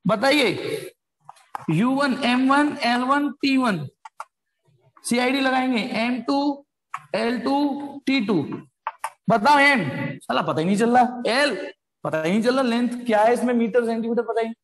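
A man's voice: extremely high pitch, unhurried, a bit bright, slight background noise. A man teaching a live online physics class in speech, chatty, calling students "beta" and throwing in slangy asides. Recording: echoey room with long reverb.

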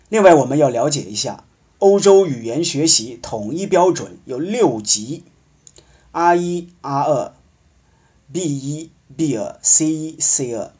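A man teaching a French lesson, explaining patiently and slowly drawing out example words. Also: a little high, dark tone, slightly rough. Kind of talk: language lesson.

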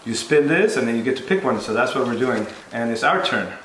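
A man's voice: medium pitch, animated, brisk, fairly bright tone. A man in his thirties hosts a home video in an informal, instructing way. He explains things casually. The sound is a roomy living room with faint background noise. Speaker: host of a family challenge video. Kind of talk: casual vlog explanation and chat. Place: living room sofa, indoors. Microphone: camera across coffee table.

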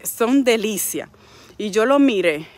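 A woman's voice: fairly high pitch, animated, takes it slowly, darkish tone. A middle-aged Dominican woman speaking with a Dominican Spanish accent, a wellness coach giving a frank, preachy, faith-based motivational talk. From Dominican Republic.

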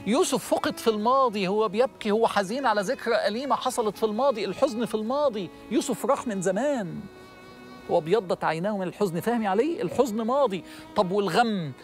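A middle-aged man with an Egyptian accent giving a religious lesson to a studio audience, animated and asking questions. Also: high voice, fast talker, faint music behind. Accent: Egyptian Arabic. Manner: animated, asks the audience questions, acts out worried people. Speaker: religious TV host and lecturer.

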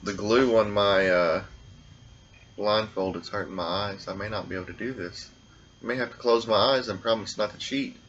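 A man hosting a casual blindfolded taste test, talking in a relaxed, rambling way. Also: lowish voice, normal speed, highs cut off, slight background noise. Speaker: food vlogger.

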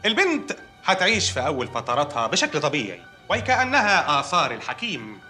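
An actor with an Egyptian accent playing a grave hospital doctor delivering odd news in a measured way. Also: male voice, on the high side, wildly swooping pitch, sharp tone, full character voice. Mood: solemn. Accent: Egyptian Arabic. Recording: film soundtrack with faint music.

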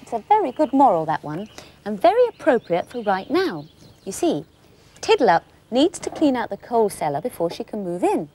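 A woman's voice: fairly high pitch, huge pitch swings, moderate pace, dark tone, slight background noise. A woman playing a kindly, encouraging children's show character.

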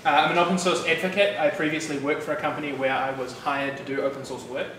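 A New Zealand-accented man in his thirties gives a casual, chatty developer talk at a meetup, relaxed and full of fillers and asides, his fairly high voice moving quickly. He stands away from a room mic in a bright, loft-like office with an audience. The sound is distant and echoey, with background noise.

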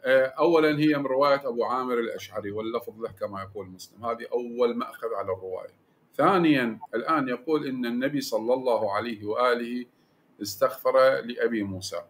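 A man's voice: medium pitch, fast talker, slight background noise. A man arguing in a heated religious debate, insistent and repeating himself to hold the floor. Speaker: debate panelist.

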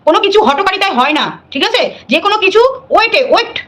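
This middle-aged woman is live streaming, her high voice racing along as she defiantly tells people off. Her intonation is lively and a bit bright, and she keeps repeating herself to drive each point in.

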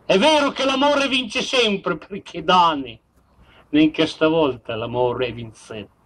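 A man with a high voice and a Romagnol accent tells a comic version of a classic tale in an unhurried way. He slips back and forth between dialect and standard speech. It is recorded at an outdoor village festival, with faint ambience behind him. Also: fairly bright tone, a little hiss or hum, poor audio. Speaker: comic storyteller. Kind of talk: comic retelling of a classic tale on a live stage.

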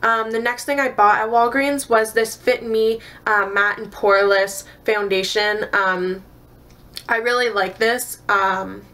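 A woman's voice: fairly high pitch, fairly even intonation, unhurried, sharp tone. Rambling young woman from Canada. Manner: rambling, many fillers and restarts. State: tired. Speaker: beauty vlogger. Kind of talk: casual haul video chat.

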